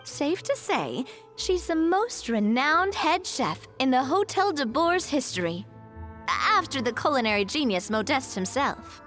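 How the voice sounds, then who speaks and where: A friendly, knowing young woman in a video game. Her voice is high and her intonation animated as she talks casually. Soft music sits behind her. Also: measured pace, exaggerated voice. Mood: explaining.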